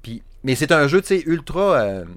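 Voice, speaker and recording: A man's voice: on the high side, moderate pace, no room sound. Chatty Quebec man, dry close sound. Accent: Quebec French, Saguenay. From Saguenay, Quebec. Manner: animated, rambling, stacks up fillers and restarts. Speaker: podcast co-host, game reviewer. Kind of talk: casual chat.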